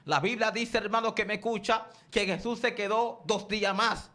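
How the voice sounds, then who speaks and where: A man's voice: sits high, steady tone, moderate pace, pushed and bright. A man preaching a sermon, asking his listeners questions and then answering them himself, and calling on the congregation to respond.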